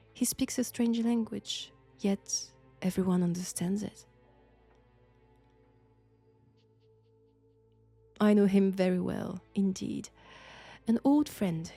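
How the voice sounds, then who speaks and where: In this audio roleplay for the listener, a French-accented woman plays an ominous, enigmatic occult professor possessed by an ancient entity, in a full character voice that is medium-pitched, creaky and husky. Knowing and mysterious, she speaks slowly, deliberately and in hushed tones, whispering certain phrases. Faint music plays underneath.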